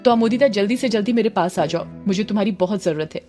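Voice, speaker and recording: A woman's voice: mid-range voice, fast talker, darkish tone, soft background music, natural voice. A woman voicing a frightened young man making an urgent phone call. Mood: anxious. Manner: anxious, urgent.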